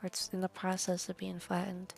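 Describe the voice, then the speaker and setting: Her voice is on the low side, creaky and monotone, moving fairly quick with faint music in the background. She streams a game, rambling casually in a loose, chatty way, slipping in the odd swear and half-whispered asides.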